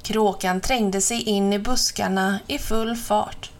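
A woman hosting her own channel, reading a picture book aloud gently and expressively. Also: medium pitch, steady tone. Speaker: children's book reader. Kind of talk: storybook read-aloud.

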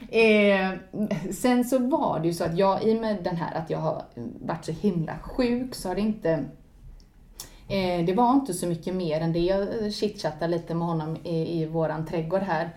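Animated woman telling a story. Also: lowish voice. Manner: animated, laughs often, lively swings into exclamations. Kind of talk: casual spoken storytelling. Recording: roomy echo.

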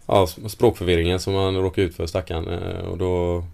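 A man in his thirties, guesting on a casual interview, spins stories about old teammates. His voice sits very low, and he breaks into laughter often as the anecdotes get wilder. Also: little pitch movement, creaky, a little mellow. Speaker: football player guest.

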